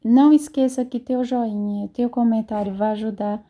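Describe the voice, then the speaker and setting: A woman with a Brazilian Portuguese accent, a native Portuguese speaker, teaching French in a casual spoken lesson, patiently repeating example phrases slowly. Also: fairly high pitch, fairly even intonation, dull audio.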